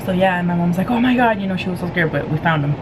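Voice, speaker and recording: A woman telling a story casually to viewers in an animated, giggly way, acting out what people said. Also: on the low side, racing, background noise. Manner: giggly, animated retelling with acted-out quotes. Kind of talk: casual storytelling chat to camera.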